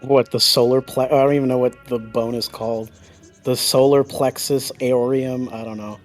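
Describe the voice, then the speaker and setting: A man's voice: medium pitch, fairly even intonation, moderate pace, faint music behind. A young man joking bluntly with friends in casual chat, swearing freely. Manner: blunt, swears a lot, jokey. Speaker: friend on the stream.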